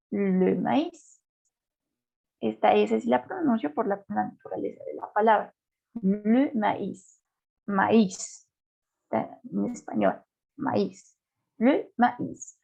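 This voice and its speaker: A woman's voice: fairly high pitch, creaky, warm tone, husky. A woman teaching a beginner French class, patiently repeating words for her students to drill. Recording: dull lo-fi sound.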